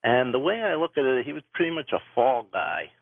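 A man's voice: mid-range voice, very animated, a little fast, gravelly, dry recording. A man calling in to a radio show, talking in a casual, easygoing, slightly hesitant way. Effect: phone line into a radio show. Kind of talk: casual call-in chat. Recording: tinny phone line.

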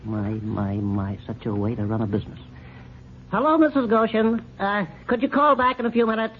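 An actor playing a pompous, fussy older male country doctor who lectures in a drawn-out way, in old radio comedy. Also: sits high, lively intonation. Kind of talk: 1930s radio comedy acting. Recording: dull old radio recording with faint hiss.

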